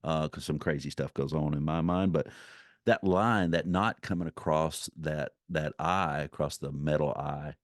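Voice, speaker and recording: A man's voice: a bass voice, measured pace, no echo, clean studio sound. A man giving informal, unscripted instruction in a folksy, rambling way, circling back to repeat his points. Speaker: fly-fishing instructor.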